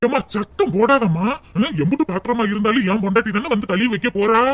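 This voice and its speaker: A man's voice: high-pitched, quick pace, fairly bright tone. A man voicing a patient young husband in a cartoon, pleading with his mother. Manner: pleading, reasoning.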